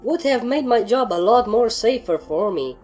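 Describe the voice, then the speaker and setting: Woman voicing Aether, a shrill gun-loving pony mare. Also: moderate pace, faint music behind, lightly acted. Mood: defensive. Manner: high, shrill and whiny when excited. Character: excitable gun-loving female pony soldier.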